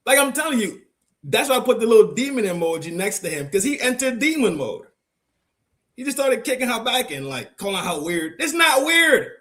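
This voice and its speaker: Excitable guy cohosting a chat show, high voice all over the place, lots of slang. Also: brisk. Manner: excitable, slangy, stretches words. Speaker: co-host. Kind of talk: casual podcast banter.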